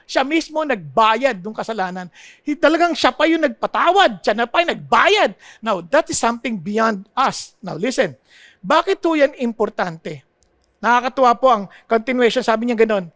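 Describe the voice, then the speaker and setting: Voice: high-pitched, expressive, moderate pace, fairly bright tone, dry recording, clean studio sound. A preacher from the Philippines giving a sermon, earnestly and personally, switching between Tagalog and English phrases.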